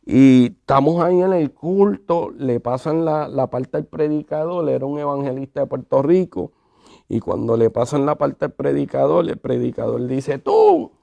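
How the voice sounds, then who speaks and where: A man telling his conversion story in a conversational, animated way, acting out the quotes. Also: mid-range voice, moderate pace, creaky. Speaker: guest sharing his testimony. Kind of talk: conversational testimony.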